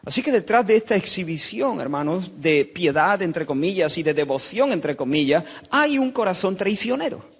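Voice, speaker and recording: A man from Spain preaching a sermon as pastor, swinging from quiet, low passages to loud, impassioned pleading. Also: very animated, moderate pace, hardly any pauses, husky. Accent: Spain Spanish. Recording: long hall reverb.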